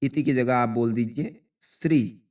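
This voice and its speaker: A man teaching how to recite Sanskrit verses, explaining each step slowly and plainly. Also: medium pitch, distant mic. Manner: slow rhythmic chanting, then plain explanation.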